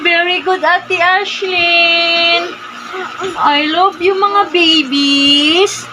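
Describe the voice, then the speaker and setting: Young mom doing super high sing-song baby talk to her kids, slow and drawn out. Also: fairly even intonation. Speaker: mother. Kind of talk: talking to her children on a home vlog. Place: home. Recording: noisy home recording.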